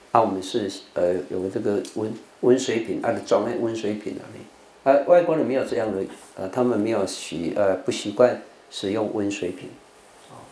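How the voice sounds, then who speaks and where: An older Buddhist monk from Taiwan with a Taiwanese Mandarin accent teaches English vocabulary on television, leading call-and-response drills and sometimes slipping into Taiwanese Hokkien. His voice is fairly low and darkish. It's recorded in a roomy hall with faint background noise.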